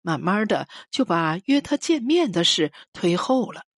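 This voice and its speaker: Husky, lively woman reading a story. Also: medium pitch, dry recording, clean studio sound. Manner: expressive, measured storytelling. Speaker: audiobook reader. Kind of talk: scripted narration of a literary short story.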